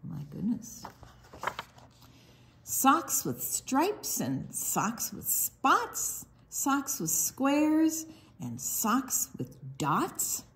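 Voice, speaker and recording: In a high-pitched voice, an older woman reads a children's picture book aloud, expressive and deliberate in a sing-song style. Now and then she adds small asides to her young listeners.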